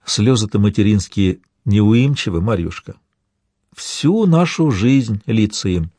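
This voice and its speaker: A man voicing an old grandmother, a dowager princess, speaking softly, sadly and low. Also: lively intonation, moderate pace, dry recording, studio quality, lightly acted. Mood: sorrowful. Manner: soft, sad and low.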